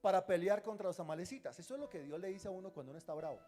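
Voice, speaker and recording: A male pastor preaching a sermon in a lively, teasing way, often putting questions to the congregation. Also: sits high, rapid-fire, faint music behind.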